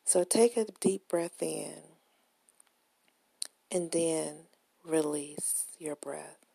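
Speaking close to the microphone in a dry room, a woman guides a very slow relaxation meditation. Her mellow, lowish voice is breathy and husky, and her soft, gentle instructions come unhurried and soothing, though the audio quality is poor.

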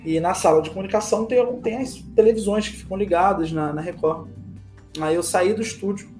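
A man telling a story in casual conversation, lively and acting out the dialogue he quotes. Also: high-pitched, a little fast, reverberant, faint music behind. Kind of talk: animated anecdote telling.

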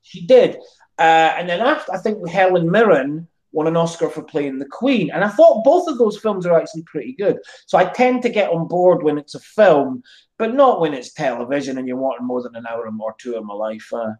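A man's voice: fairly high pitch, lively intonation, a little fast, darkish tone. British man, opinionated, in an echoey room. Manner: emphatic, tag questions like "right?" and "yeah?". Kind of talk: opinionated casual discussion. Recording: roomy, echoey sound.

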